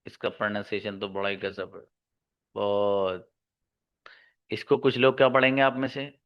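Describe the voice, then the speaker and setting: A man teaching English grammar in an online lesson, slowly repeating key words and answering his own questions for his students. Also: lowish voice, flat delivery, dull audio. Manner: calls listeners "babu" and "my friend".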